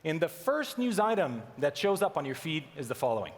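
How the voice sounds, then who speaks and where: A man from Portugal giving a conference keynote talk in English, animated as he reads out mock headlines to the audience. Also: on the high side, a little fast. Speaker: conference speaker. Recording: long hall reverb.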